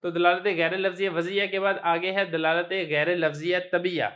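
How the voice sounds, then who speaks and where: Male teacher with a Pakistani Urdu accent, slightly raised pitch, patient step-by-step classroom explainer. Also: flat delivery, fairly bright tone. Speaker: religious studies teacher. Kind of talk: classroom lecture.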